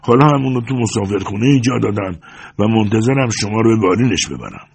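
A man voicing an emotional, passionate middle-aged merchant in an audiobook, with a loud, hoarse voice that swings between shouting and pleading. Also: lowish voice, expressive, full character voice. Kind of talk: audiobook character voice.

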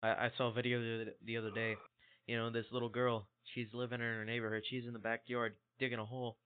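A man's voice: mid-range voice, little pitch movement, quick pace, clear, resonant tone. A man co-hosting a crude podcast, swearing often and rambling through stories in casual chat. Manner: swears a lot, rambling storyteller. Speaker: podcast co-host. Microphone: online voice chat. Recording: tinny voice chat line.

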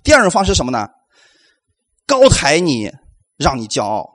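Animated male preacher, lively high voice. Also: normal speed. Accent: Mandarin Chinese. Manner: animated, asks the congregation rhetorical questions. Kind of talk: sermon.

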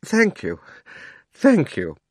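A rattled old gentleman quavers in a thin, high, faint voice, as a male narrator acts him out. He sounds fussy, and the recording is dry and close. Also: huge pitch swings, extremely slow, slightly rough, no room sound, exaggerated voice. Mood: shaken. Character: shaken, feeble old gentleman.

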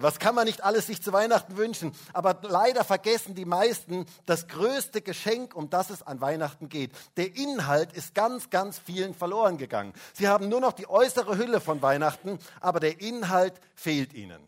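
Male pastor, Christmas sermon, a bit high-pitched, folksy, throws questions at the kids. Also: lively intonation, brisk, few pauses. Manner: chatty, asks the children questions, tag "hä?". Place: church service, also livestreamed.

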